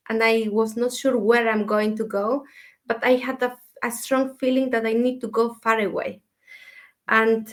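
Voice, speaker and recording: Soft-spoken woman from Ecuador, flat tone. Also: a little high. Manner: soft-spoken, thoughtful, many fillers. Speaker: dream mentor, guest. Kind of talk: casual interview talk.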